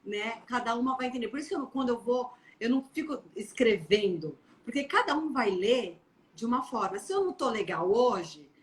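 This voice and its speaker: Blunt, lively Brazilian woman chatting. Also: fairly high pitch, normal speed. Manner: blunt, animated storytelling with playful quoted voices. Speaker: guest on a live stream. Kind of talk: casual chat.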